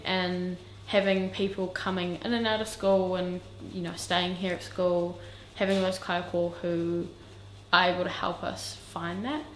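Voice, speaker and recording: A woman's voice: fairly low pitch, reverberant, slight background noise, poor audio. A teenage girl speaking earnestly, with many ums, in an interview. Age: teens. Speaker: student. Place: school kitchen.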